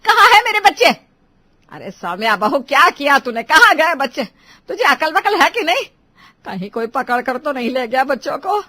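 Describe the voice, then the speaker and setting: A woman voicing a stern older mother-in-law in a cartoon who is quick to scold. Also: expressive, a bit bright, dry recording, studio quality. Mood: panicked scolding. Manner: scolding, shrill when angry. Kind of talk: cartoon voice acting.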